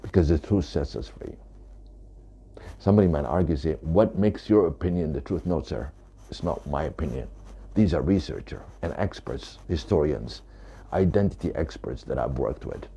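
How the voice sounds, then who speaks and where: Very deep gravelly man, emphatic. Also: animated, normal speed, warm tone. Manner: emphatic, repeating points. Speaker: author. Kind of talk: talking to camera about his book.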